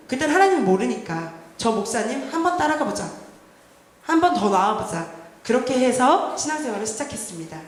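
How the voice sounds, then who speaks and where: A woman testifies before a church congregation, her fairly high voice heartfelt and earnest as she tells her story, at times quieting down. The sound fills a large echoing sanctuary with a long reverb tail. A faint hum of noise sits behind her. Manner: earnest, heartfelt storytelling, often dropping to soft tones. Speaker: worship leader giving testimony. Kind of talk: personal testimony sermon. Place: church sanctuary during a Wednesday service. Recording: echoey church hall, faint background noise.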